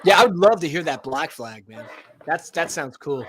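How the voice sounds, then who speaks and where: A man's voice: fairly high pitch, moderate pace, husky. A man hosting a casual podcast with friends, joking around and tossing in "man" and "baby" as he talks. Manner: jokey, lively, drops "man" and "baby".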